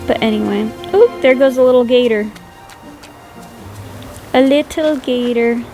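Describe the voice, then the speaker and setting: A woman's voice: on the high side, fairly even intonation, unhurried, dark tone, faint music behind, poor audio. A woman chatting casually over her gameplay, rambling and self-deprecating, sleepy and yawning late at night. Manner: gushes over cute animals. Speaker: gaming YouTuber.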